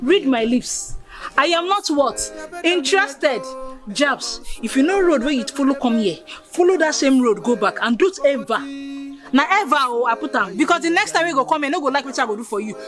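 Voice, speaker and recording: A woman's voice: sits high, expressive, a little fast. An actress playing a proud young village woman who turns away a suitor, speaking with a Ghanaian accent in a scolding, pidgin-laced way, with music under the dialogue. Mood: dismissive. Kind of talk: comedy series acting.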